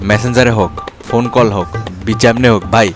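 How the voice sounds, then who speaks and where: A man's voice: medium pitch, fast talker, over music. A man giving casual commentary as host of a reaction video.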